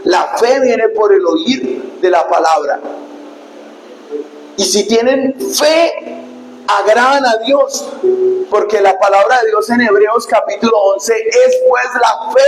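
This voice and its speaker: A male pastor preaching a sermon, emphatic and dramatic, breaking into shouts. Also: high voice, a little slow, reverberant, rough recording. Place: church.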